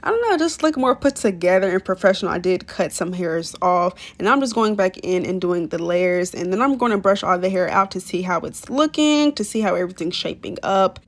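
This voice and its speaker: A woman's voice: lowish voice, animated, a little fast, hardly any pauses. A young woman giving a casual, chatty voice-over for a hair tutorial, full of slang, small stumbles and restarts. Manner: chatty, slangy, apologizes for stuttering. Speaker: beauty vlogger.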